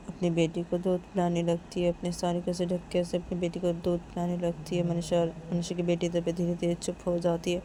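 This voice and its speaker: A woman tells a story in a casual, unpolished way, going back over details. Her voice sits fairly low and stays quiet and even. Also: slight background noise. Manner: plain, repetitive retelling. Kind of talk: casual spoken story narration.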